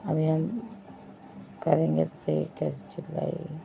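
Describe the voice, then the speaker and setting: A young woman vlogs casually from home, talking right to her viewers and pointing things out, her voice low, monotone, slow and creaky. She's chatty and keeps saying "dekhiye." The phone audio is dull and lo-fi, with faint noise.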